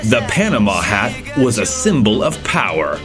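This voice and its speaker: A man hosting a museum podcast, speaking in a clear presenter's way as an assistant curator. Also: on the low side, very animated, moderate pace, over music. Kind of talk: scripted intro and casual interview.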